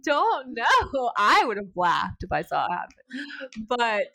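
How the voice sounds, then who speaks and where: Twenties woman, co-host, higher pitch; animated casual storyteller, laughs a lot. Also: slow, poor audio. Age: 20s. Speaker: podcast co-host. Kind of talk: casual chat.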